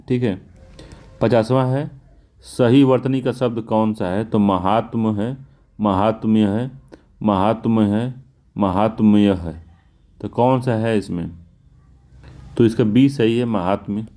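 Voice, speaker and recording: A man with a North Indian Hindi accent going through exam questions as a teacher, repeating key words slowly for emphasis. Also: medium pitch, steady tone, dark tone. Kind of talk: explaining test answers.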